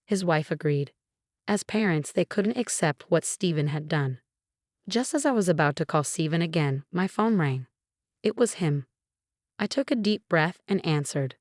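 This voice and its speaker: Low-voiced woman narrating a story. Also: animated, moderate pace, a little mellow, no echo, clean studio sound. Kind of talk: scripted first-person narration.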